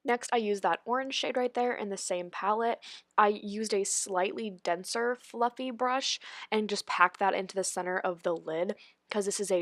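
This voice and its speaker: A young female beauty vlogger, congested and stuffy from a cold, narrates a makeup tutorial in a medium-pitched voice with no echo. The voice-over was recorded separately, and she chats casually, sprinkling in plenty of "like" and "honestly."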